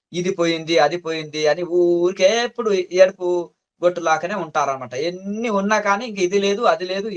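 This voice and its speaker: A man's voice: high-pitched, fairly bright tone. A man from giving a spiritual talk, explaining yogic rules with everyday examples and rhetorical questions. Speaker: spiritual teacher. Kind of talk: sermon.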